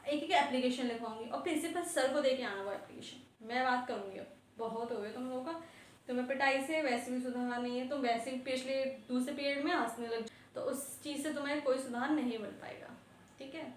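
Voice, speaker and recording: A woman's voice: high voice, a little fast. A woman schoolteacher scolding her class in a stern tone, mixing in English words. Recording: echoey classroom, faint background noise.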